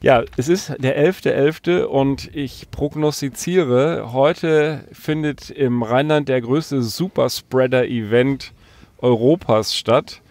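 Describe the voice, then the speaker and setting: A man with a gravelly, creaky voice hosts a loose, joking podcast chat. He is from Berlin and talks from inside a parked van, teasing his friends as he introduces them. The sound is close and dry. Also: mid-range voice, slow, a little mellow, no room sound. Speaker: podcast host. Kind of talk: casual chat among friends.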